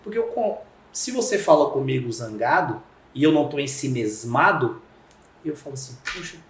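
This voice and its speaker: A Brazilian man talks in a conversational podcast interview. His voice is mid-pitched, and he acts out little scenes as he explains. The room around him sounds echoey. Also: normal speed, slight background noise. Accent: Brazilian Portuguese. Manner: animated storyteller acting out quoted dialogue. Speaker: guest, communication speaker.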